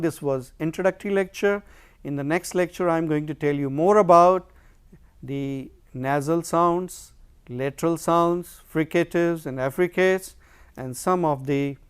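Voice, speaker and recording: A man's voice: fairly high pitch, smooth. A man giving a phonetics lecture, explaining step by step and answering his own questions. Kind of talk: recorded lecture.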